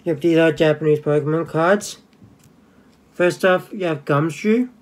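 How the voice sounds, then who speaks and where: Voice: medium pitch, unhurried. A channel host giving casual, joking commentary while opening cards indoors, humming little sound effects between cards.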